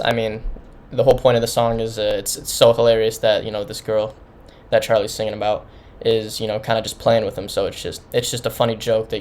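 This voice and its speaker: A man's voice: fairly low pitch, a little mellow. A man giving an informal, rambling album review, talking casually with many restarts. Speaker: music reviewer.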